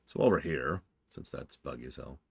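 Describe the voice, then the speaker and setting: A man's voice: extremely low pitch, brisk, creaky, breathy edge. A man giving casual live game commentary as a streamer, explaining the lore in a wry, opinionated way.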